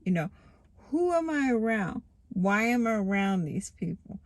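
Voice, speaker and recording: A woman giving a candid, casual personal monologue, rambling and halting, often circling back and repeating herself. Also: medium pitch, big pitch swings, no room sound, clean studio sound. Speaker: vlogger giving herself a pep talk. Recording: loud traffic and vehicle noise.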